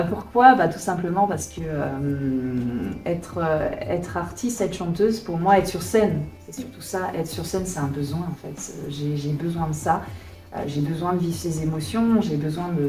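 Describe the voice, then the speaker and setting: A woman in her late thirties from Alsace, a singer-songwriter answering interview questions in an earnest, thoughtful way, often pausing to search for words. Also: on the low side, dark tone. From Alsace, France. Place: concert venue. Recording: echoey room, voice from a distance.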